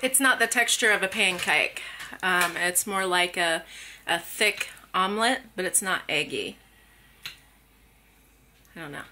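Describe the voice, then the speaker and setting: A woman in her thirties chatting casually while filming herself in her kitchen, thinking out loud as she goes. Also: fairly low pitch, a little slow, long pauses, slight background noise. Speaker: family vlogger. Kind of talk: casual vlog chat. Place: home kitchen. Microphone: handheld camera at arm's length.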